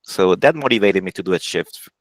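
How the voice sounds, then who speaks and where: A man in his forties from Honduras talks through his career as an interview guest. He speaks casually and haltingly, stopping and restarting his sentences often. His voice sits fairly low, and the recording is dry with no room echo. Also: expressive. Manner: halting, many restarts and self-corrections, laughs often. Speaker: game programmer, interview guest.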